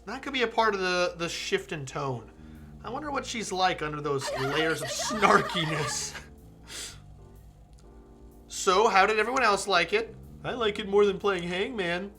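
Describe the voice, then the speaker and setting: Animated, bright-voiced gaming streamer over music. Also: mid-range voice. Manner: animated, profane, rambling and self-interrupting. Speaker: gaming streamer reading a visual novel aloud. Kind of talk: casual, chatty game commentary.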